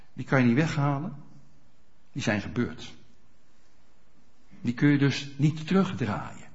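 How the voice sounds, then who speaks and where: A pastor preaching a sermon in a church, speaking straight to the congregation with frequent rhetorical questions. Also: male voice, mid-range voice. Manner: animated, addresses congregation directly with rhetorical questions. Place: church hall. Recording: dull lo-fi church recording.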